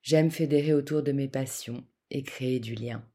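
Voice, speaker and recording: Female host, scripted read, mellow dark tone, measured. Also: rumbling low. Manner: measured, read-aloud delivery. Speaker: podcast host. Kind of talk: scripted narration.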